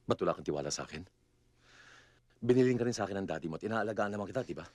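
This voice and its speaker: Low, brisk, persuasive businessman. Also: expressive, a little mellow, no room sound. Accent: Filipino. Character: smooth-talking husband or partner, controlling, reassuring company manager. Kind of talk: film drama acting.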